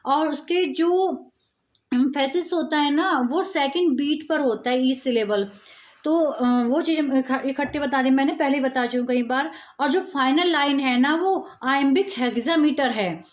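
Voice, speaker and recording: High-voiced woman teaching at a slow pace. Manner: explains slowly and repeats key terms, stretching words. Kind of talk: exam-prep lecture.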